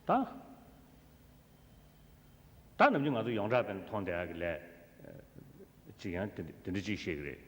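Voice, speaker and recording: A Tibetan man with a Tibetan accent teaches philosophy in a very deep voice that swings widely in pitch. He is heard in a long, echoing hall. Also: big pitch swings, very fast, pauses often. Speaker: Buddhist teacher. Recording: echoey hall with background noise.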